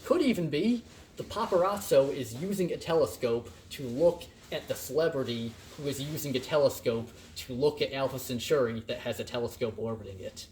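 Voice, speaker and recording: A man teaching a recorded critical thinking lecture, playful and animated, trying out the same sentence with shifting emphasis. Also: medium pitch, brisk, hardly any pauses, a little hiss or hum. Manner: animated and playful, acting out examples in varied emphasis. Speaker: college instructor.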